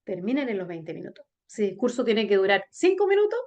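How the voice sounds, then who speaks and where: A woman teacher giving a class on public speaking, talking straight to her students and checking in with "¿bien?", with big swings in pitch and slow, sung-out demonstrations. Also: very animated, a little mellow. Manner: addresses students directly with frequent "¿bien?" check-ins. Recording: dull lo-fi recording.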